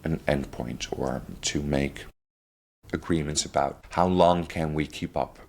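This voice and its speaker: Deep-voiced man telling a painful story. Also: gravelly, darkish tone. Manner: halting, with restarts and fillers. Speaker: podcast guest sharing his family story. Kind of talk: candid interview talk.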